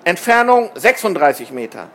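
A man's voice: high-pitched, big pitch swings, normal speed, fairly bright tone, full character voice. A man voicing a helpful female robot space cat who speaks in a precise, matter-of-fact way, in a children's storybook.

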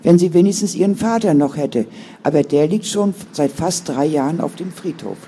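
A man's voice: on the high side, animated, moderate pace, warm tone, a little hiss or hum. A man voicing a firm, caring older sister who speaks in an earnest, sometimes stern way. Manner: stern then soothing, earnest.

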